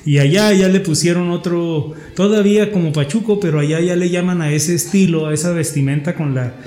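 A man's voice: sits high, a little fast, warm tone. A man with a northern Mexican border Spanish accent chatting casually, telling things in an enthusiastic, digressive way and often repeating phrases. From US-Mexico border region of El Paso and Ciudad Juárez. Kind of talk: casual conversational talk on local history. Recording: roomy echo, faint music.

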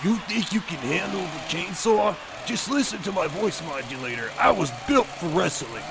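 A man's voice: high voice, expressive, normal speed, gravelly, noisy background. A man voicing a boastful male robot wrestler, his voice run through a voice changer, trash talking in a comedy ad. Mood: menacing. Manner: menacing trash talk. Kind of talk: comedy radio ad.

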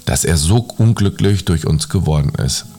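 A man voicing a gentle sorrowful queen. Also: low voice, normal speed.

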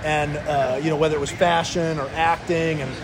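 A man co-hosting a casual sports talk show, speaking haltingly and often repeating words. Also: a little high, level tone, background noise.

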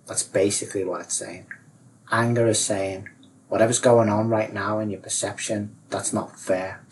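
A man explains his ideas in an easygoing chat, peppering his talk with fillers and slipping into higher, louder voices when he quotes his feelings. He sits some way from the mic, and a faint room noise hangs behind him. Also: moderate pace, recorded from a distance, low-quality recording. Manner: animated, acts out inner voices, many "like, you know" fillers. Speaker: guest, self-realisation coach.

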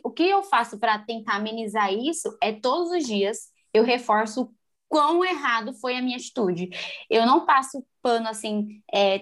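A woman in her twenties from Brazil, chatting casually and candidly, often acting out what other people said. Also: a little high. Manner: candid, animated, quotes others in lively voices. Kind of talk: casual chat.

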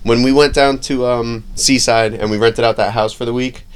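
A man's voice: medium pitch, fairly even intonation, moderate pace, smooth. Profane Jersey storyteller guy. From New Jersey. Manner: profane, storytelling with acted-out quotes. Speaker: podcast co-host. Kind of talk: casual chat.

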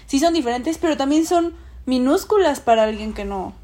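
A woman's voice: high-pitched, expressive, normal speed, mellow. A woman in a casual chat, opinionated and emphatic.

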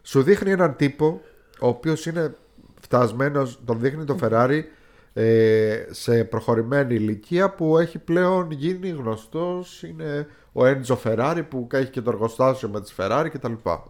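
A man's voice: medium pitch, darkish tone. A man co-hosting a casual film-review podcast, speaking as a picky, opinionated critic who likes to mimic actors' accents. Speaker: podcast co-host.

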